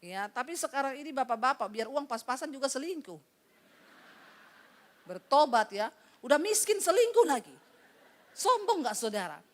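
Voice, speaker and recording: A middle-aged woman pastor preaching a sermon in a large church hall, animated and acting out dialogues with her congregation. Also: high-pitched, normal speed, pauses often. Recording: long church hall reverb.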